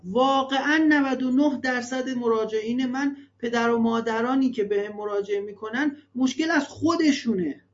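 A man giving religious advice to parents in an earnest, emphatic way, with many rhetorical questions. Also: very high voice. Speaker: religious family counselor. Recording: dull lo-fi recording.

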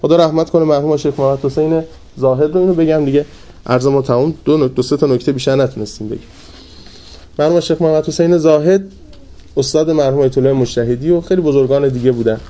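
A man preaching a sermon in a colloquial storytelling manner. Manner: colloquial storytelling with lively pitch swings.

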